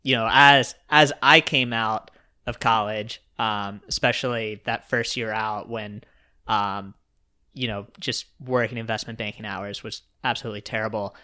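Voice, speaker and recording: Young male co-host, bright tone, rambling casual chat full of "um" and "you know". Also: fairly low pitch, fairly even intonation, normal speed. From Virginia. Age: 20s. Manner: rambling, many fillers. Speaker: podcast co-host.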